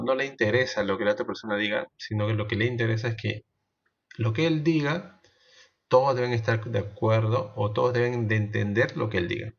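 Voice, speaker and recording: A man teaching a class, explaining slowly, asking the students questions and restarting his sentences often. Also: medium pitch, lo-fi sound. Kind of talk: online class lecture.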